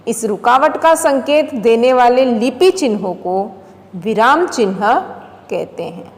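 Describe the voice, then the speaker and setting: A woman teacher giving a slow, deliberate grammar lesson to children, addressing them directly and loudly stressing example words. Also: a little high, lively intonation. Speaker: school teacher. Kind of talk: classroom Hindi grammar lesson. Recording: very echoey hall-like room.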